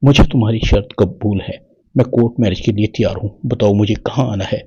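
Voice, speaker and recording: A headstrong, defiant young woman, read out by a man in a low, husky voice. The delivery stays plain, with a dull lo-fi sound. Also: steady tone, a little mellow.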